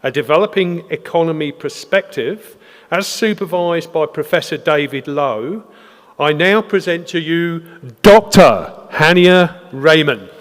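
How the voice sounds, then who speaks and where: A man presenting doctoral graduates at a ceremony in a measured, formal manner. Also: on the high side, lively intonation. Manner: measured, formal, announcing names. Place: large ceremony hall. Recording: hall reverb with faint crowd.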